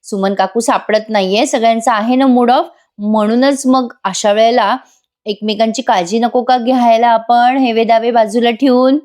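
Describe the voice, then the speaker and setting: This is a scheming young woman, voiced by a woman narrator who coaxes everyone in a sweet, put-on tone. The voice sits a touch high and lands lightly on each line. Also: fairly even intonation, normal speed, darkish tone, close to an everyday voice. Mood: sugary.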